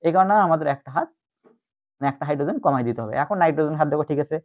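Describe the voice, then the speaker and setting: A man's voice: on the high side, expressive, very fast. A man teaching chemistry in an online lecture, explaining step by step and repeating the key terms. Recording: tinny phone-like audio.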